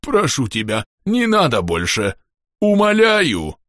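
A man's voice: a little high, huge pitch swings, slow pace, a bit bright, no echo, clean studio sound, voice pushed up, full character voice. A man voicing a bubbling underwater amphibian creature that pleads and groans with slightly distorted words. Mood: pleading.

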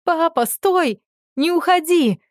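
A woman's voice: very high voice, expressive, takes it slowly, dry recording, clean studio sound, voice pushed up, heavily acted. A woman voicing a young woman who cries and pleads desperately for her father in an audiobook. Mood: desperate shouting.

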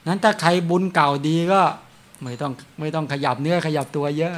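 Monk, man, relaxed storytelling sermon, slightly higher voice. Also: fairly quick. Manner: chatty, tells anecdotes with frequent chuckles. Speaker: Buddhist monk. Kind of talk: dharma talk with storytelling.

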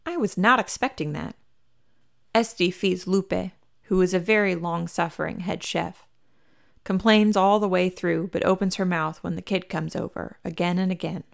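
Slow, gravelly woman reading a story. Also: fairly low pitch, fairly even intonation. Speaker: podfic reader. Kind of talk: scripted narration of fan fiction.

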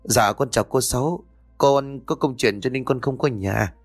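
A man's voice: medium pitch, moderate pace, long reverb tail, faint music behind, natural voice. A man voicing an evasive young husband in debt, who answers meekly and politely and calls out eerily in a dream.

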